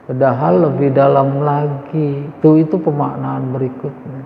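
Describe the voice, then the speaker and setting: A man's voice: medium pitch, little pitch movement, a little slow, creaky, slight background noise. A man teaching an Arabic grammar lesson in a mosque, quizzing his listeners with informal asides. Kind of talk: religious study lesson. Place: mosque hall. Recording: echoey hall, dull lo-fi sound.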